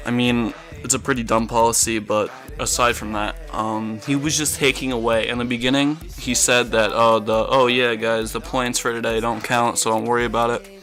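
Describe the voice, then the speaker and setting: A man's voice: medium pitch, a bit bright. A teenage male telling a casual, rambling story as video commentary, with slang and mild swearing. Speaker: gameplay commentary video creator.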